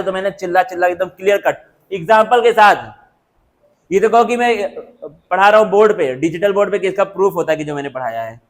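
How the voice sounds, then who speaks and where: A man teaching a coaching class, scolding his students in a stern, repetitive lecturing manner. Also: a little high. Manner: stern, lecturing, repeats himself.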